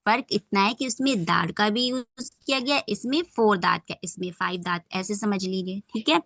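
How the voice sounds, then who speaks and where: A woman's voice: medium pitch, moderate pace, gravelly, fairly bright tone, dry recording. A woman teaching children Quran pronunciation in an online class, patient and often checking that they understand.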